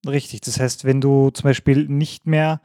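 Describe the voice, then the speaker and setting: A man's voice: medium pitch, flat delivery, normal speed, dark tone, dry recording, clean studio sound. A man co-hosting a podcast, patiently walking his partner through a board game's rules in casual chat and confirming each move. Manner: patient, affirming with short "Jawohl" and "Richtig". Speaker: podcast co-host explaining the game rules.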